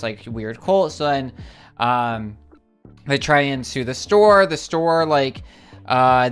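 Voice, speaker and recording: Smooth-voiced livestream host, rambling. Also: medium pitch. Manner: rambling storytelling with many fillers; excitable, repeats "it's crazy". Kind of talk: casual livestream chat.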